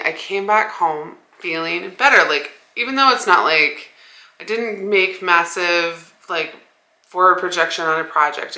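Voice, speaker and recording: A woman's voice: fairly low pitch, sharp tone, echoey room. A young woman talking casually to her camera in a vlog, rambling with many "like" fillers. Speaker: vlogger. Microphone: small 360 camera.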